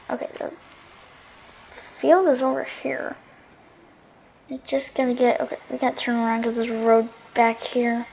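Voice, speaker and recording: A woman with a fairly high voice talks her way through a game in casual running commentary. She often seems to address herself, moving between muttered asides and louder outbursts. The microphone sounds slightly dull and lo-fi. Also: gravelly. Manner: chatty running commentary, often talking to self; volume swings from muttering to loud exclamations.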